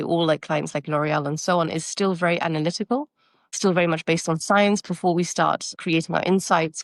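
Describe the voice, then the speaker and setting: A woman in her thirties with a fairly low voice, recorded cleanly in a studio with no echo. She grew up in France and her first language is Taiwanese. As a marketing consultant appearing as a guest, she answers interview questions thoughtfully, with fillers and restarts.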